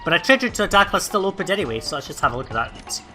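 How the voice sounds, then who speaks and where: A man hosting a let's play, giving relaxed gameplay commentary and thinking aloud with plenty of ums and uhs. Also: high-pitched, rapid-fire, soft background music.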